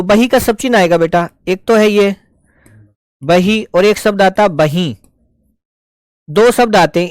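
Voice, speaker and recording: A man's voice: high voice, no echo, clean studio sound. A man teaching a live online shorthand class, explaining each stroke step by step and patiently answering his students.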